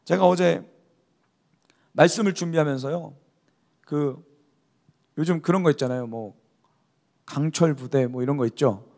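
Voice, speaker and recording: A man's voice: a little high, measured pace, gravelly, pauses often, darkish tone. A male pastor preaching a youth service sermon, exhorting the congregation and calling for amens. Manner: exhorting, calls for amen.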